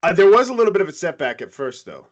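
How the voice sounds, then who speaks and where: A man co-hosting a casual album review chat, telling stories with lively jumps in pitch. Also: fast talker, muffled recording. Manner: animated storytelling with big pitch jumps. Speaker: podcast co-host.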